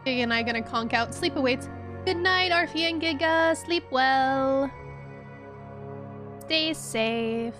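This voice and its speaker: Chatty, excitable woman streamer. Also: sits high, slow pace, pauses often, soft background music. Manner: chatty, excitable, self-deprecating. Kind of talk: casual live game commentary.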